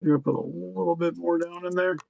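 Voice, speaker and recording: A man's voice: high voice, steady tone, fast, gravelly, a little mellow, highs cut off. A man talking casually to his viewers while he sculpts and glues a custom figure, thinking aloud as he works. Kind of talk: casual work-along chat.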